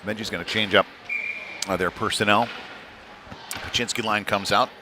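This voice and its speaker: A man calls a youth hockey game live, giving casual, unpolished play-by-play that rises with the action. His lowish voice holds a steady tone at normal speed. The stream comes from a cold ice rink, with venue noise clearly audible behind him.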